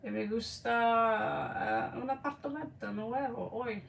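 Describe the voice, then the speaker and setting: A slightly tired woman giving an informal card reading in halting, Spanish, searching for words. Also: fairly high pitch, fairly even intonation, creaky. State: a little tired. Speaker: tarot card reader. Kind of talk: casual, informal one-on-one reading. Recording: distant mic with faint background noise.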